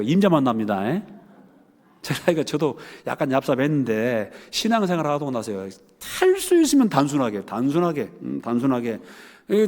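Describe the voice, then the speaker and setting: A middle-aged man with a Jeolla accent preaches in a church sanctuary, his fairly high voice swinging up and down with lively emphasis. He jokes and fires rhetorical questions at the congregation. A long reverb from the hall hangs behind every word. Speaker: pastor. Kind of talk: sermon.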